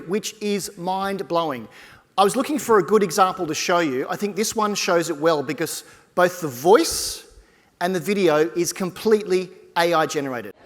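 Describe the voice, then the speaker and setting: A man delivering a conference keynote as a speaker, talking to the audience in an energetic, conversational way. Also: high voice. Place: large conference hall stage. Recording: long hall reverb from a conference stage.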